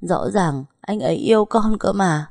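A woman's voice: animated, unhurried, gravelly, darkish tone, no room sound, clean studio sound. A woman voicing a distraught young pregnant woman who pleads and sobs in a raised, strained voice. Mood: sobbing. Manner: sobbing, pleading, pitched up.

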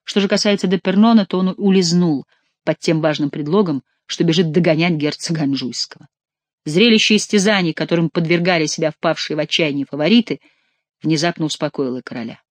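An audiobook reader narrating a historical novel in a lively, expressive way. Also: medium pitch, brisk, no echo. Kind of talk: scripted narration.

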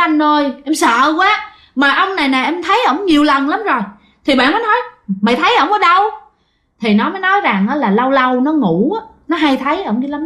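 A woman with a Southern Vietnamese accent narrating ghost stories in a chatty way, talking straight to her listeners. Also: on the high side. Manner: chatty, addresses listeners directly. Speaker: storyteller.

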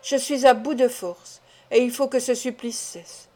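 Woman reading a tearful, impassioned older mother, high and warm-toned, audiobook. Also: fairly even intonation, measured pace, soft background music. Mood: anguished pleading. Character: anguished middle-aged mother torn by shameful love.

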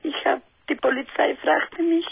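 A woman caller from Ecuador, speaks hesitant, halting German on a muffled phone line. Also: high-pitched, fairly even intonation, gravelly, dry recording. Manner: halting, searching for words, broken German. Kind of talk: call-in phone conversation. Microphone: telephone.

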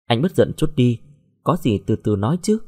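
A man voicing a gentle, heartbroken young woman in an audio story, pleading through tears. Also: medium pitch, very animated, moderate pace, breathy edge. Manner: pleading, tearful.

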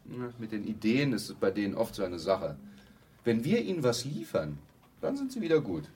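Playing the same smooth-talking ad man in a German radio play, the actor uses a fairly low, slightly mellow voice with big pitch swings at a normal pace. He sounds matter-of-fact and knowing as he explains and poses rhetorical questions, with a little hiss or hum audible.

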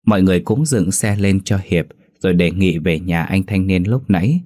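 A man's voice: low voice, moderate pace, a little mellow. A man narrating a ghost story dramatically and acting out each character.

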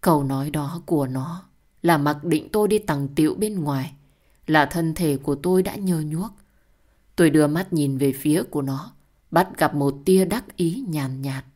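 A woman's voice: low voice, normal speed, a little mellow. A woman telling a dramatic first-person story in an emotional reading voice.

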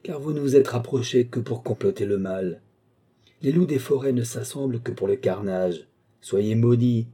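A man's voice: medium pitch, normal speed, mellow, breathy edge, natural voice. A man voicing a stern medieval monk who condemns two feuding lords in a firm, severe voice. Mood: cursing.

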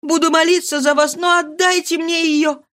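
A woman's voice: very high-pitched, a little slow, voice pushed up. A woman voicing a desperate young mother, anguished and imploring. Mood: pleading. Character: desperate pleading young mother, grief-stricken.

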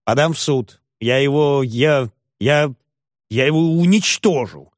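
A man voicing an elderly gentleman in a rage, blustering and indignant. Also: medium pitch, unhurried, no echo, studio quality, lightly acted. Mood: furious. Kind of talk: audiobook character voice.

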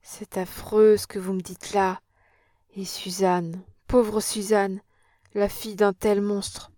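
A woman's voice: medium pitch, little pitch movement, takes it slowly, warm tone, no echo, clean studio sound, lightly acted. A woman reading an audiobook and voicing an anxious young male painter in a pleading, alarmed manner.

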